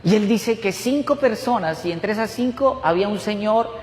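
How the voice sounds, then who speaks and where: A man's voice: high voice, normal speed, darkish tone, in a large hall, a little hiss or hum. A male pastor preaching a personal testimony, telling it with emotion and lots of repetition. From Colombia. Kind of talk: testimonial sermon. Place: church.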